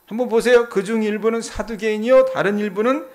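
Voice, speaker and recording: A man's voice: steady tone, fast. A middle-aged male pastor, preaching an early morning Bible sermon and asking the congregation questions, then answering them himself. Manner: acts out quoted voices with sudden pitch jumps. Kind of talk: dawn service Bible exposition sermon.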